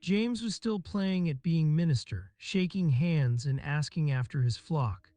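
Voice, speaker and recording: A man reading an audiobook in steady, measured scripted narration. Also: a little high, no room sound, soft background music.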